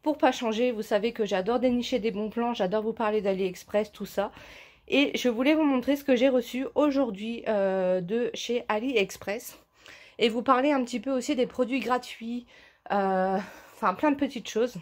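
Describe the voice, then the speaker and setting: Young woman vlogger, slightly high voice, casual and chatty, a bit out of breath, plenty of fillers. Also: normal speed, a little mellow. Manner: chatty, many fillers, shows items to camera. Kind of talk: casual haul video chat.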